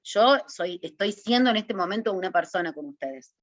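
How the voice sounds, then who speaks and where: A woman in her forties with a Córdoba accent from Argentina, giving an online webinar lesson on public speaking in a direct, lively way, often checking in with her listeners. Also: medium pitch, moderate pace, dry recording. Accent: Córdoba Argentine Spanish. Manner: lively, direct, addresses audience informally with questions. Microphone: video call. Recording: dull, dry webinar audio.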